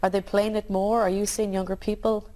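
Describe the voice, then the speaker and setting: Brisk female TV presenter. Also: medium pitch, level tone, mellow. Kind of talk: morning show interview.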